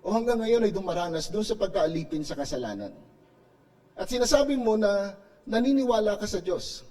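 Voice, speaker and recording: A Filipino-accented male pastor delivers a sermon in a church, his voice mellow and somewhat high for a man. He is heard from a distance, off the mic, and keeps checking in with the congregation by tagging "no?" onto his phrases. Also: big pitch swings, a little fast. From Philippines. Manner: preaching in Tagalog mixed with English, frequent tag "no?". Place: church sanctuary.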